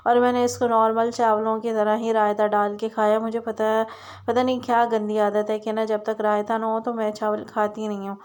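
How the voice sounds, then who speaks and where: A woman's voice: on the high side, level tone, normal speed, a little mellow. A young adult woman chatting in a rambling way as she narrates her daily home vlog, with many fillers and restarts. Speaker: vlogger.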